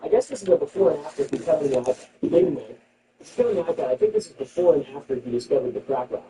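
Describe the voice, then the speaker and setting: A man hosting a comedy show, riffing sarcastically on news items and jumping into high mock-outraged squeals. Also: sing-song, racing, a crowd in the background. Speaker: comedy podcast host. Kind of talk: comedic news riff with retakes. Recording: distant mic with background noise.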